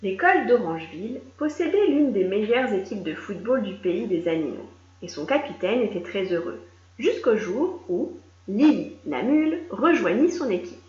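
A woman reading a children's story aloud in a lively, animated way, doing voices for the characters. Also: medium pitch, normal speed. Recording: echoey room, dull lo-fi sound.

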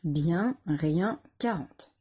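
Female teacher, patient dictation, soft husky tone, lively pitch. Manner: slow, careful, syllable-by-syllable dictation with repetitions. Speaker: primary school teacher. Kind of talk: dictation lesson for young pupils.

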